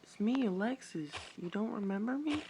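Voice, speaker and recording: Brief: man voicing a shrill, panicked young woman, lively pitch, noisy room. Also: normal speed. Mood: pleading. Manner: high, strained, cries out. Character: frantic young woman pleading with a friend.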